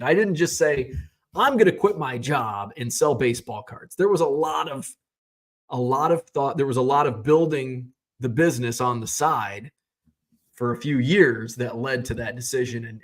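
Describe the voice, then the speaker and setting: A man in his thirties, a sports card seller, telling a casual personal story in a rambling, self-correcting way with the odd chuckle. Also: medium pitch. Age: 30s.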